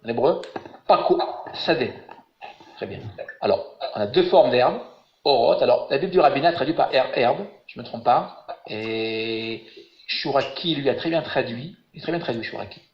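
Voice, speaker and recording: A man's voice: mid-range voice, expressive, normal speed, roomy sound, highs cut off. A man teaching a biblical Hebrew grammar lesson online, patient and encouraging, asking his students questions. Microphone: webinar call audio.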